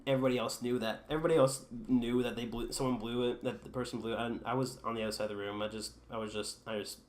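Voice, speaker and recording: A teenage boy hosts a podcast at a racing pace, his medium-pitched voice steady and darkish in tone. He rambles through profane stories and cracks himself up, with echo and a faint hum in the background.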